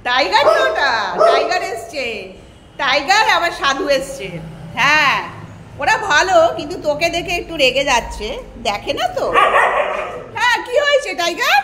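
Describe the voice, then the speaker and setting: High sing-song woman coaxing her dogs. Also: animated, moderate pace, long reverb tail, noisy background. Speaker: dog owner filming her pet. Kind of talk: casual talk to dogs. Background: dogs barking.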